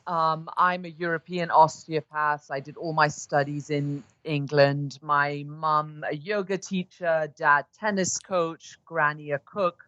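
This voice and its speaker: A Greek-accented woman answers interview questions in short, plain phrases. Her voice sits on the low side. The recording is close and dry, with no room echo. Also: flat delivery, unhurried, hardly any pauses, fairly bright tone, dull audio. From Greece. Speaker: guest osteopath.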